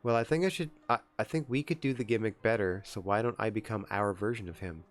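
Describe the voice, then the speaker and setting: A young man with a fairly low voice streams a wrestling management game, talking fast over soft background music. He's chatty and giggly, talking to himself as he makes his choices in this casual gameplay commentary.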